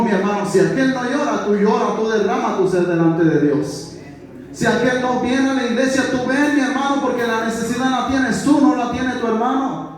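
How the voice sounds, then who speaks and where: A man preaching a sermon as pastor, stretching out scripture quotes slowly and calling the listener "my brother". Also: high voice, darkish tone. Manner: preaching, repeatedly addressing "mi hermano"; slows down for emphasis on scripture quotes. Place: church. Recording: very echoey church hall, distant mic.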